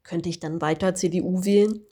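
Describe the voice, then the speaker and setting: A woman's voice: lowish voice, fairly even intonation, brisk, dark tone, husky. A woman reading the lines of an older male party member in a suit who is stubborn and evasive.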